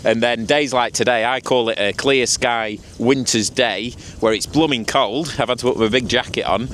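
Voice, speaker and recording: A man's voice: mid-range voice, normal speed, a bit bright, a little hiss or hum. A man with a Lancashire accent chatting casually and colloquially as the host of a trade vlog. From Lancashire, England. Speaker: channel host and heat pump installer.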